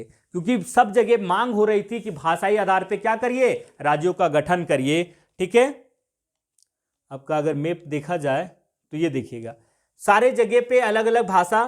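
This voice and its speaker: High-voiced man lecturing a class. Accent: Jharkhand Hindi. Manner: repetitive, asks and answers own questions. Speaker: exam coaching teacher.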